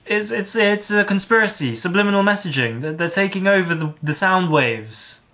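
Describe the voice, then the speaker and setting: A man's voice: high voice, expressive, normal speed, sharp tone. A teenage boy vlogging a casual, sarcastic comic rant with jumpy swings of emphasis.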